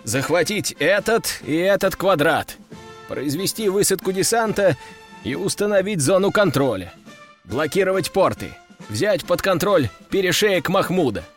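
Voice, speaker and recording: A man's voice: high voice, very animated, measured pace, faint music behind. A man voicing a smug, scheming commander who gives bold orders in an audiobook. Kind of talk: audiobook dialogue.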